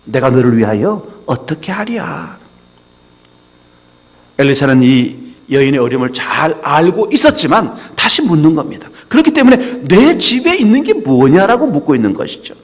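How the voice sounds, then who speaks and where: A man's voice: fairly high pitch, very animated, moderate pace. A male pastor preaching a sermon, acting out the voices of the people he quotes as dialogue. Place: chapel. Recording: reverberant chapel hall.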